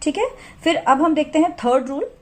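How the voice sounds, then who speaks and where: A woman teaching a phonics lesson in Hindi mixed with English, spelling each word out letter by letter and then saying it slowly. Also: high-pitched.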